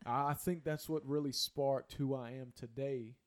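A man's voice: mid-range voice, steady tone, normal speed. Young guy, earnest and preachy, talking through a faith story. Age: 20s. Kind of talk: faith testimony conversation.

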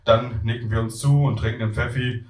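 A man's voice: mid-range voice, steady tone, brisk, darkish tone. A young man reading a comic story aloud at a live event, in a dry, matter-of-fact way. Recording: echoey room, from far off.

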